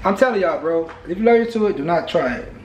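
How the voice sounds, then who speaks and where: A man's voice: high-pitched, lively intonation, fast. A man in his thirties in casual vlog chat, swearing and repeating himself, his mouth burning from spicy food. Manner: slangy, swearing, emphatic repetition. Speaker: vlog host. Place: home kitchen. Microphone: camera mic, few feet away. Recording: roomy, distant mic, faint noise.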